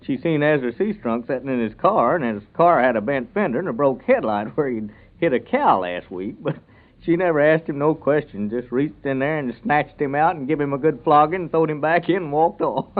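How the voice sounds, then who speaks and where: An actor playing an earnest, plain-spoken small-town neighbour with a rural Southern American accent in an old radio comedy serial. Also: male voice, a little high, lively intonation, moderate pace, natural voice. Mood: folksy, amused. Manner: folksy, earnest. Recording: narrow, tinny vintage radio recording.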